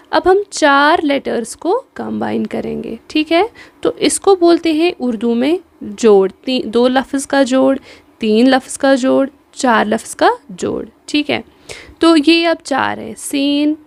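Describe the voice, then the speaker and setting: A woman with a Kashmiri accent giving an exam-prep lesson on the Urdu script. She spells out the letters slowly and keeps checking in with her students. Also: high voice, vocal fry, dry recording. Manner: patient, repeats "theek hai", spells letters slowly. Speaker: Urdu teacher.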